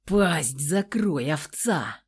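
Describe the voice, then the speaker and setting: A woman's voice: low voice, expressive, extremely slow, slightly rough, heavily acted. A snarling brutal husband, as a woman reader puts him on. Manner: snarling, crude, threatening. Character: brutal abusive husband, adult man, vicious.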